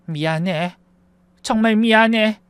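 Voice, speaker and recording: A man reads a frail, dying old woman of wealth in an audio story. She speaks softly and wearily, full of apology. The voice sits high and the sound is dry and close. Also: slow pace, smooth, dry recording. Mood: urgent, tender. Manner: soft, weary, apologetic speech. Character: dying elderly wealthy woman, gentle and remorseful.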